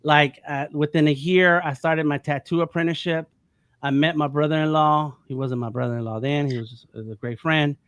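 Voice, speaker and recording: A man's voice: on the high side, fairly even intonation, a little fast, fairly bright tone, clear, resonant tone, no room sound, studio quality. A man in his fifties from the United States, talking casually on a panel, rambling with many restarts. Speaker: panel guest.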